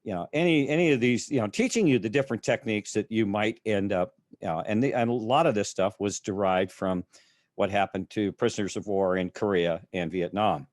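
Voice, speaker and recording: A man who is a military veteran, recounting his experiences haltingly with many fillers as an interview guest. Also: on the low side, a little mellow, dry recording, studio quality. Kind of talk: casual interview storytelling.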